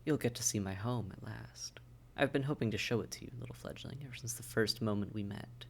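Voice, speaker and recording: In this immersive roleplay audio drama, a man voices a silky, taunting, predatory vampire toying with a captive hunter. His speech is breathy, coaxing and often whispered, with a creaky edge and a mock-tender, gloating menace. His voice sits on the low side and sounds a little mellow, though his pace is brisk.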